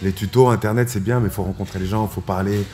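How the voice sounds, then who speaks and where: A man's voice: lowish voice, steady tone, quick pace, mellow. A man chatting in an interview as a fighter and organiser, in short emphatic phrases with repeats and some English words. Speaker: MMA fighter and seminar organiser. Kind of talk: casual interview, anecdotes.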